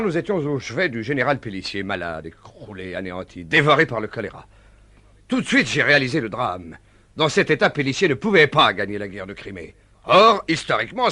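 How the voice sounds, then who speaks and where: A smug hypnotic master criminal. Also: male voice, mid-range voice, bright, forceful tone, dry recording. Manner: smug, chuckling, theatrical. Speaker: villain. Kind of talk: 1950s radio serial acting.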